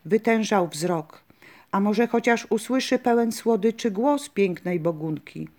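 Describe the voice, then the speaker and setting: Woman calmly reading a folk legend. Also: medium pitch, a little slow.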